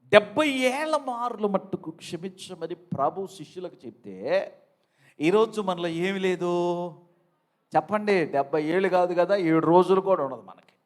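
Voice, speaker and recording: A man with a fairly high voice preaches in church, pressing his listeners again and again to answer him aloud. He drops to soft, slow words, then rises into loud, emphatic outbursts. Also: expressive. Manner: calls on the congregation to answer aloud. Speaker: pastor. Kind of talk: sermon.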